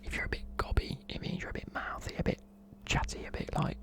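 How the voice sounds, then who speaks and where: Speaking fast and a bit brightly, a presenter from the UK whispers ASMR-style explanations of slang. The British accent comes with a casual, chatty, matey manner.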